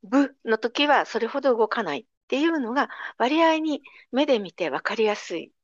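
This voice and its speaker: A middle-aged woman patiently explains pronunciation in a casual conversation, her pitch bouncing up and down with lively intonation. Her voice sits a little high for a woman. The recording is dry and somewhat dull, with a lo-fi quality. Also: moderate pace, no echo. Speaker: language teacher.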